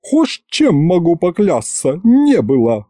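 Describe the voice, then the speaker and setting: A man voicing a loud, tearful older village woman who wails in folksy speech. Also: wildly swooping pitch, slow, dry recording, studio quality, full character voice. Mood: indignant. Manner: shrill wailing, folksy speech.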